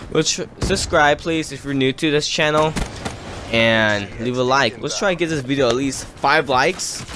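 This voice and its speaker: A man's voice: medium pitch, unhurried, noisy background. A teenage boy from California tells a rambling story over gameplay, full of "like" fillers and trailing off. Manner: rambling, filler-heavy, laughs between lines. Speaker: gaming YouTuber.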